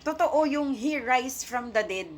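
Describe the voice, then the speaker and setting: A woman giving an emotional faith testimony to her viewers, halting and searching for words as she talks, shaky and near tears at times. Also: high-pitched, animated. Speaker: vlogger sharing a faith testimony.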